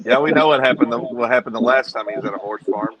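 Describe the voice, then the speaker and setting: A man's voice: mid-range voice, quick pace, muffled recording. A man, teasing and crude in casual group banter. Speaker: band member on a live stream. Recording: loud crowd chatter behind.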